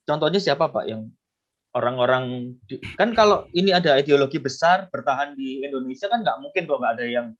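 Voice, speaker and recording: A man's voice: medium pitch, lively intonation, brisk, muffled recording. A man interviewing on a live stream, asking questions politely and humming along in agreement.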